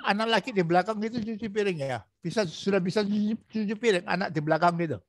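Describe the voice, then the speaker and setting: A man training a student in preaching, asking patient prodding questions and acting out gentle examples. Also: sits high, fast, slight background noise. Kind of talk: coaching a student in preaching practice.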